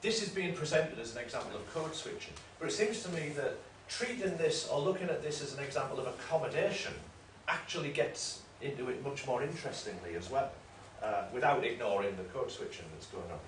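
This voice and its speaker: A man's voice: medium pitch, lively intonation, a little fast, hardly any pauses. Male lecturer in a roomy, distant recording. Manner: discursive, explanatory, self-correcting. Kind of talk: academic lecture. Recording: roomy room, mic at a distance, faint noise.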